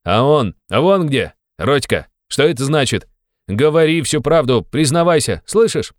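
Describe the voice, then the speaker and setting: A man voicing a hot-tempered, blustering young male friend who shouts and scolds. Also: mid-range voice, expressive, measured pace, no echo, studio quality, pitched above the performer's own voice, close to an everyday voice. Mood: angry shouting.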